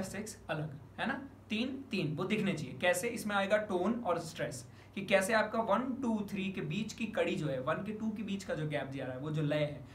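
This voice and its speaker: A man teaching a music lesson step by step, counting beats aloud, stressing the first of each group and mixing in English words. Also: high voice. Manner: explains in Hindi mixed with English words. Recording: echoey room with audible noise.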